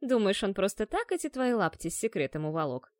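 A woman's voice: medium pitch, big pitch swings, a little fast, darkish tone, no room sound, close to an everyday voice. Woman doing a sly mocking cat-girl. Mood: defensive. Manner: drawling, mocking.

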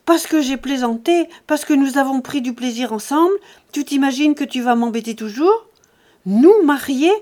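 A woman reading an audiobook, voicing a furious young farm woman who scornfully shouts down a man. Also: high-pitched, animated, normal speed, pitched above the performer's own voice.

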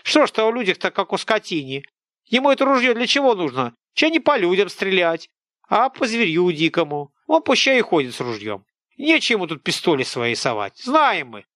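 A male reader voicing a shrill, superstitious older peasant woman who scolds and nags in coarse rustic speech. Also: big pitch swings, brisk, fairly bright tone, dry recording, studio quality. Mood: nagging.

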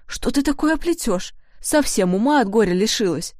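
A flustered kitchen cook hurries to hush and smooth things over, her voice only slightly lifted from the teller's own, as a woman narrator puts her on. The sound is dry and close. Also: fairly high pitch, expressive, dry recording, close to an everyday voice. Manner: hurried, hushing. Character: anxious, hushing female cook.

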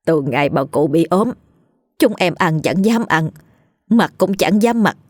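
A storyteller voicing a scheming middle-aged village wife who sneers at her husband and fakes loud wailing for her dead mother-in-law. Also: mid-range voice, animated, measured pace, no echo, clean studio sound. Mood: whining. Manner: sneering, then theatrically wailing.

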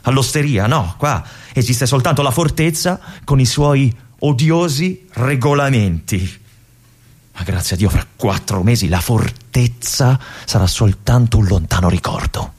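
An actor performing a stage monologue as a restless young army lieutenant stuck in a remote fortress. His husky voice often drops to a whisper. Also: medium pitch, animated, measured pace. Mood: bitter. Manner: introspective, swings between hushed musing and agitated outbursts. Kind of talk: theatrical monologue broadcast on radio.

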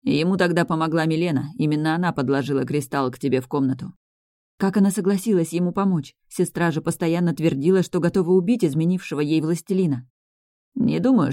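Woman reading an audiobook, slow and calm, darkish mellow voice, dry booth sound. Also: sits low, no room sound. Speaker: audiobook narrator. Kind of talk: scripted first-person narration.

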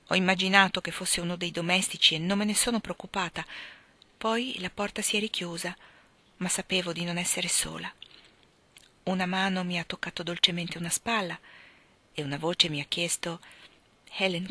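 A woman reading a classic novel aloud in the first person, dramatic and often hushed. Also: lowish voice. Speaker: audiobook reader. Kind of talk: expressive audiobook narration.

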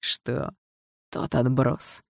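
Deep, low-pitched and bone-dry, a woman putting on a jealous middle-aged stepfather who snarls and shouts his accusations, an audiobook figure ruled by rage. He sounds close and unadorned. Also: unhurried, gravelly, breathy edge, no echo, full character voice. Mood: coldly menacing.

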